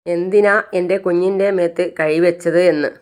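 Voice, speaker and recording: A soft-spoken young mother comforts her child in a storybook tale, as a woman narrator puts her on. Her voice is smooth and fairly low. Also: fairly even intonation, moderate pace, natural voice. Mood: concerned. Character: gentle protective young mother.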